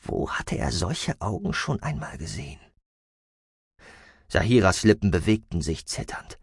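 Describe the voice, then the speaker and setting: Expressive male audiobook narrator. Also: lowish voice, a little slow, creaky, slightly rough, dry recording, studio quality. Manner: expressive storytelling.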